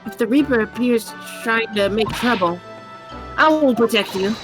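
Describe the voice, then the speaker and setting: A woman's voice: a little high, moderate pace, voice pushed up, close to an everyday voice. A woman voicing a polite, formal young lady assistant with a pointed manner, reading a visual novel game aloud. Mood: protective. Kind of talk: amateur voice-over read of a visual novel game. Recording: music behind the voice.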